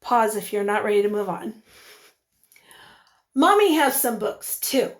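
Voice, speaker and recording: A woman teacher with a mid-range voice reads a picture book to young children expressively, pausing at points to put questions to them.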